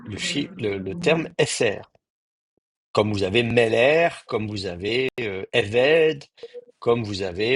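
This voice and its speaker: A man with a lowish, gravelly voice teaches a Hebrew class online, pausing on fillers and restarting his phrases as he goes. He slows right down to pronounce each Hebrew word. The sound is husky and very dry, with no room around it. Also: dry recording. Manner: halting, many fillers and restarts, spells out Hebrew words slowly.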